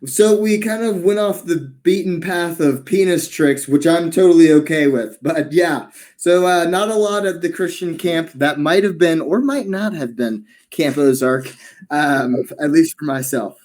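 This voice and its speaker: A young man hosts a casual comedy podcast, teasing his friends and laughing often. His voice sits a little high for a man. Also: a little slow, darkish tone. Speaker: podcast host.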